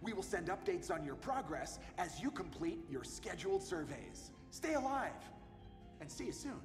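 An actor playing a cheery, salesy male corporate CEO, giving an upbeat promotional pitch with breezy asides. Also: big pitch swings, moderate pace, reverberant, long reverb tail, music in the background. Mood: chipper. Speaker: company CEO in a game video.

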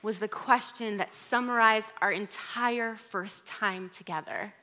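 A woman pastor with an American accent giving a conversational sermon, telling a candid personal story with animated moments. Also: mid-range voice, unhurried.

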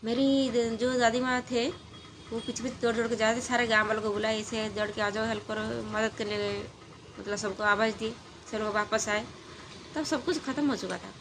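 A woman's voice: fairly high pitch, steady tone, normal speed, background noise. A woman telling a true family story in a casual, rambling way, with many fillers and restarts.

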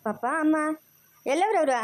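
A woman playing a fast-scolding older village mother. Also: high-pitched, very animated. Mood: coaxing. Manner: scolding, fast and sharp-tongued. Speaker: mother in a family drama. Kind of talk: village family drama acting.

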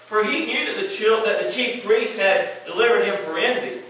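A man preaching a sermon, reading Bible verses aloud and building to shouted emphasis. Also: high-pitched, normal speed, very echoey, far from the mic, poor audio.

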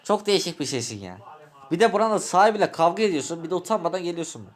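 A man in a Minecraft role-play, bickering in a taunting, rough, slangy way. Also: sits high, lively intonation, very fast.

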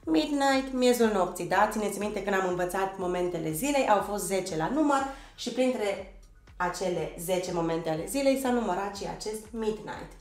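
A woman's voice: medium pitch, expressive, a little mellow. A woman from Romania teaches an online language lesson in a roomy, echoing space, speaking into a desk microphone. She spells words out letter by letter and drills pronunciation, and she keeps checking in with her learners. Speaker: English teacher.

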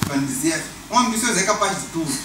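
A man's voice: on the high side, animated, fast talker. A young man with a Mozambican Portuguese accent, chatting casually and reflectively in a barbershop, slipping English slang into his talk. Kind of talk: casual chat. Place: barbershop, indoors. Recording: echoey room from far off with noise.

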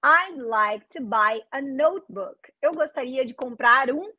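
A woman teaching English pronunciation online, slowly repeating English phrases and then explaining them in to her viewers. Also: high voice, animated, sharp tone. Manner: addresses viewers directly with "gente" and "né".

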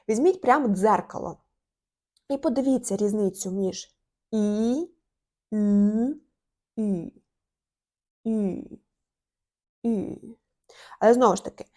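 A woman's voice: medium pitch, mellow. A young woman teaching an online language lesson, repeating each letter and word and drawing out the sounds. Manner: slow, drawn-out demonstration of sounds.

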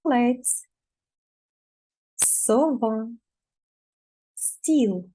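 A woman speech therapist leading a children's lesson, pronouncing syllables and words slowly and clearly so the children can repeat after her. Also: fairly high pitch, lively intonation, dark tone. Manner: slow, over-articulated, sing-song prompting for children.

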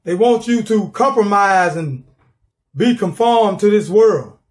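A man's voice: high-pitched, expressive, slow. A middle-aged man preaching a sermon from his living room, fervent and repeating words as he builds, calling for responses.

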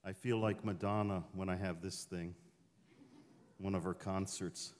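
Male priest, middle-aged, lowish voice, informal homily delivery, long church reverb. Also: fairly even intonation, a little slow. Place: large church interior. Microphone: gooseneck lectern microphone.

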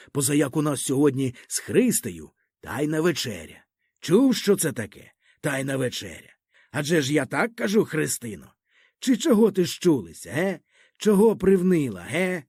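A man's voice: fairly high pitch, very animated, moderate pace, darkish tone, breathy edge, no room sound, clean studio sound. A man voicing a drunk old village grandfather who slurs, drawls and preaches in old church phrases. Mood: tipsy, preachy.

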